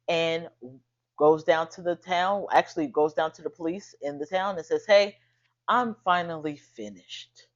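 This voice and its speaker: A woman co-hosting a casual podcast chat, retelling a haunting story with halting restarts. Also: sits low, fairly even intonation. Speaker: podcast co-host. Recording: dull lo-fi sound.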